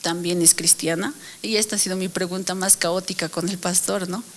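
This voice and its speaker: A young adult woman giving a personal testimony at church, telling her story in a lively way and acting out what people said. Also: fairly low pitch, a little fast, slight background noise. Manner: lively storytelling with laughs and acted-out quotes. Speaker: church speaker and mentor.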